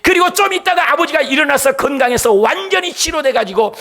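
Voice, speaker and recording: Man, pastor, middle-aged, impassioned sermon, very high pitch, gravelly. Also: lively intonation, quick pace. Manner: impassioned, shouting testimony.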